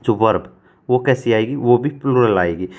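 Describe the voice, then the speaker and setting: Guy teaching grammar, keeps asking then answering his own questions, reads the english lines real slow. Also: medium pitch, darkish tone. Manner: reads English sentences slowly, word by word. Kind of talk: exam-prep lesson.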